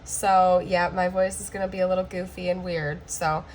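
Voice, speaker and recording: A woman's voice, hoarse and cracking from the flu she's getting over, runs a chatty tarot reading for the camera, frequently asking "okay?". Her pitch is lowish with little movement, her pace moderate, and some slight background noise is present.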